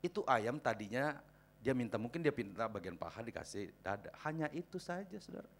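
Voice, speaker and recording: A middle-aged man preaching a sermon as pastor, chatty and storytelling, swinging from quiet asides to loud, high exhortation. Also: big pitch swings, brisk, a little hiss or hum. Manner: conversational, acts out quoted people in anecdotes.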